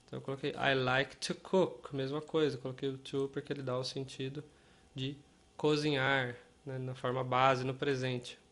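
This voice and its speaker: A man teaching English to Portuguese speakers in an online lesson, speaking slowly and repeating each word and example for learners. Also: medium pitch, flat delivery, a bit bright. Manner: slow and deliberate, repeating and spelling out words for learners.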